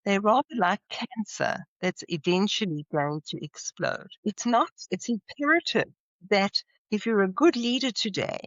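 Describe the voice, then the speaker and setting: A woman's voice: mid-range voice, no room sound. A woman with a South African accent, a leadership trainer explaining her methods earnestly in an interview. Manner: earnest, explanatory, now and then laughing. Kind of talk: interview conversation. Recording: slightly muffled, dry audio.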